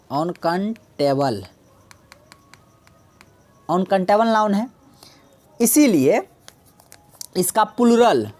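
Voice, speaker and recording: A woman's voice: lowish voice, darkish tone. A woman teaching an exam-prep English lesson, explaining patiently, repeating key words and answering her own questions.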